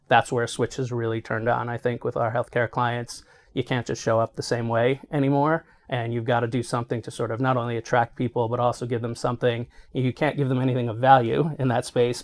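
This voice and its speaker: A middle-aged man answering interview questions as an executive, explaining conversationally and often checking in with "right?". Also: medium pitch. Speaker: healthcare marketing executive being interviewed.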